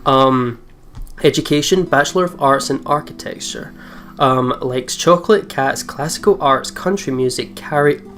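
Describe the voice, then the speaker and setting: Medium in pitch, a bit bright and at normal speed, this voice belongs to a giggly let's play host chatting casually and reading out game text. Plucked guitar game music plays in the background.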